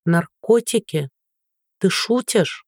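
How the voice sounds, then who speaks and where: A man's voice: high voice, slow, dark tone, no room sound, studio quality. A man voicing a frightened teenage daughter who pleads tearfully with her father. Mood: stunned. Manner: pleading, tearful, breaking into cries.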